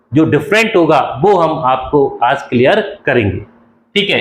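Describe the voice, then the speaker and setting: A man teaching an English grammar lesson, explaining slowly and repeating points with everyday examples, writing on a board. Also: high-pitched, fairly bright tone, echoey room, low-quality recording. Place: classroom with a board.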